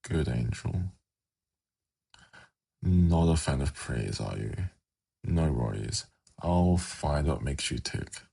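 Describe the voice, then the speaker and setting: Here the demon prince of the ASMR fantasy roleplay turns soft and coaxing, voiced by a man with a very deep, mellow, gravelly and husky tone. The performance is animated and heavily acted, though still measured, formal and silkily condescending.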